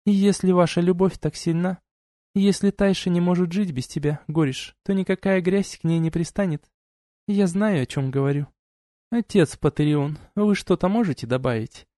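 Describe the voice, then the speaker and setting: A man reading an audiobook and voicing a cold, scornful noble duchess who lectures in a measured, sarcastic way. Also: high voice, mellow, no echo, studio quality, close to an everyday voice.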